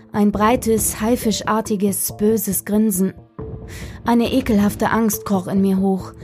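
A woman's voice: medium pitch, warm tone. A woman narrating a first-person horror story in a tense, dramatic reading.

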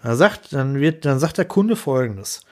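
A man chatting casually on a podcast, telling a lively story and acting out clients and bosses in quick voices. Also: mid-range voice. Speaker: podcast co-host.

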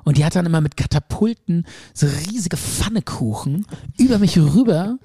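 A man casually chatting and retelling a long dream, lively and acting out what people in it said. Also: high voice, normal speed, slightly rough, dry recording, studio quality. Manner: lively storyteller who acts out quoted speech.

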